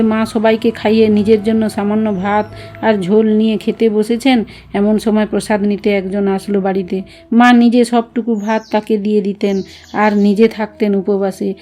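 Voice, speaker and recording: A woman's voice: mid-range voice, warm tone, natural voice. A woman reading the memories of a grown son about his devoted mother, in an earnest, reminiscing way.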